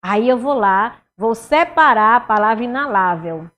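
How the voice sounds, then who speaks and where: A woman from teaching a Portuguese exam review, asking herself questions and answering them, her voice swinging between loud and soft. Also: fairly high pitch, lively intonation, unhurried.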